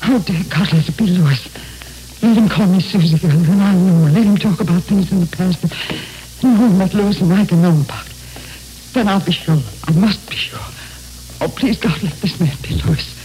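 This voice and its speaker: An actress as a trembling tearful wife. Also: female voice, fairly low pitch, a little fast, warm tone, slight background noise, lightly acted, poor audio. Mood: praying, fearful. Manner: tremulous, tearful, breathless pleading. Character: anxious devoted middle-aged wife. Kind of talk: 1940s radio acting.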